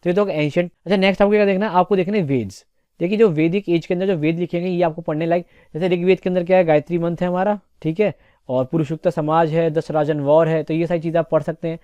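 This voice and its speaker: A young male tutor talks through exam topics in a loose, chatty lecture and keeps checking in with his students. He speaks quickly in a slightly high, mellow voice. The sound is close and dry. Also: steady tone, clear, resonant tone, dry recording, highs cut off. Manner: chatty, repeats "theek hai" often. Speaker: exam prep teacher. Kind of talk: casual exam-prep lecture.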